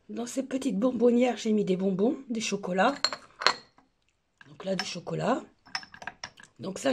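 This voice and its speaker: A woman with a hoarse, sore throat, casually talking through her buffet recipes and table decor, hesitating often with fillers. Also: fairly high pitch, a little mellow. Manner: chatty, hesitant with many fillers. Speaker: home cooking vlogger. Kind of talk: casual cooking and decor walkthrough.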